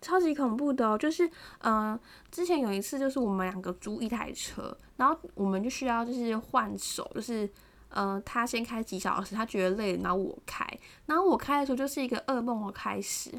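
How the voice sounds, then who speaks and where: Animated high-voiced young woman storyteller. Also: fairly quick. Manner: animated, mimics a shouting partner, many fillers. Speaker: podcast host. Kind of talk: casual storytelling.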